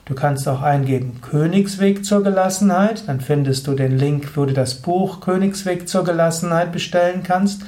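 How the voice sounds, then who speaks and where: A man, a yoga teacher and author, giving a calm spoken teaching talk that speaks straight to the listener and acts out example inner voices. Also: on the high side. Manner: calm, explanatory.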